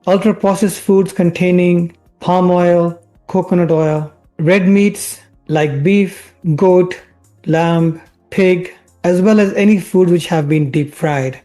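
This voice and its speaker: With soft background music behind him, this physician from India delivers his health video slowly in a mellow, steady, mid-range voice. He walks through the research in the style of a scripted science host, posing rhetorical questions and putting emphasis on key words.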